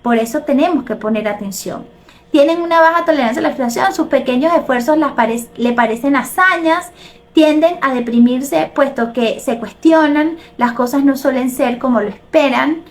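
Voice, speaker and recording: At a normal speed and in a high-pitched voice, a middle-aged Venezuelan woman with a Venezuelan accent hosts a live show, reading comments from viewers aloud and reacting to each in an animated way.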